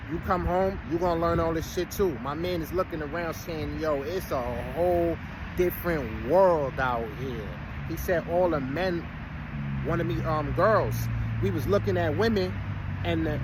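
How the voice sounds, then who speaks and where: Out on a street with vehicles passing, a vlogger in his thirties who is about to turn forty chats casually with his followers. His voice sits on the high side at a moderate pace, and he rambles in a streetwise way, dropping in preachy asides.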